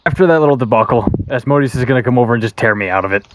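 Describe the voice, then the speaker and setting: A man's voice: mid-range voice, racing, background noise. Regular guy player, easygoing, mid voice, just saying what his character does. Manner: easygoing, declares moves. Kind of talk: casual tabletop game chat.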